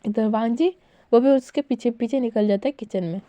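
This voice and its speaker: A woman narrates a fan-fiction story in a loose, conversational way, full of asides and fillers. Her voice is mellow and a little high, recorded close and dry. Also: normal speed, dry recording. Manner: chatty, filler-laden retelling.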